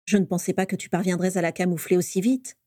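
Calm cautious teen wizard boy, as a woman reader puts him on, measured and dry, mellow voice, dry sound. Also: fairly low pitch, no room sound, natural voice.

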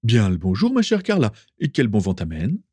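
A man's voice: fairly low pitch, huge pitch swings, normal speed, warm tone, slightly rough, no echo, heavily acted. A man reading a storybook and voicing a cheerful older man who stays unfailingly amiable. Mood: jovial. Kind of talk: audiobook reading.

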